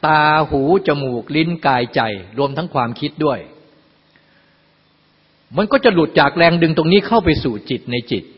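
A man's voice: a little high, animated, moderate pace, slightly rough. An older man teaching a Buddhist dharma talk in a folksy way, explaining with everyday examples and asides. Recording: lo-fi, long hall reverb.

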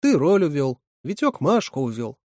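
A man's voice: fairly high pitch, very animated, normal speed, darkish tone, no room sound, studio quality, voice pushed up. A man doing a cheeky teenage camp boy. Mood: teasing. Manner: teasing, whiny.

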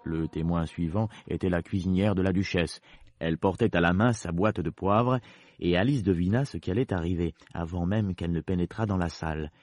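Deep husky storytelling man. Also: a little mellow, dry recording. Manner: measured, storytelling. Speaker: narrator. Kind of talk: storybook narration.

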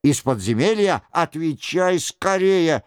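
A man voicing a sharp, commanding jester who questions brusquely. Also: a little high, animated, slow pace, smooth, dry recording, clean studio sound. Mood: demanding. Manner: brusque, demanding.

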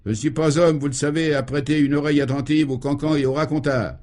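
A man's voice: fairly high pitch, fairly even intonation, fast talker, darkish tone, natural voice. A man voicing an irascible, blustering male governor in a radio play, bellowing in sputtering tirades. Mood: furious. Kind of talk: 1950s radio play acting.

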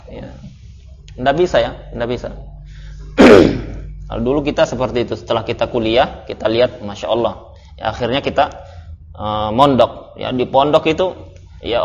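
A male religious teacher telling chatty stories with laughs during an informal study lesson, in a dull, slightly noisy recording. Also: mid-range voice. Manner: chatty storytelling with laughs and asides. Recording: dull lo-fi recording, faint noise.

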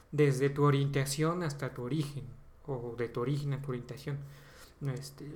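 A man with a Mexican accent co-hosting a podcast, talking casually in an opinionated, emphatic, slangy way. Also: fairly high pitch. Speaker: podcast co-host. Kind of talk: casual chat about voice dubbing.

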